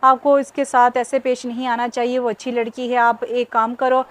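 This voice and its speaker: A woman's voice: a little high, level tone, normal speed, lightly acted. A woman reading the lines of a stern but loving young mother in an audio novel. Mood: soothing. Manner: scolding, then soothing.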